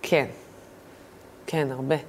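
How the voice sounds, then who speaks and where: A woman impressionist, a guest in a relaxed interview, tells lively stories and performs the voices of the people in them. A slight hiss or hum can be heard.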